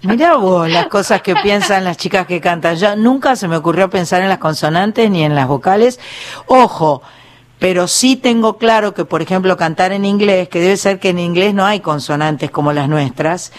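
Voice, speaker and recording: A woman's voice: on the low side, moderate pace. A woman with a Rioplatense Spanish accent hosting a radio talk show, chatting and praising her guest. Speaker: radio host. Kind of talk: casual radio chat.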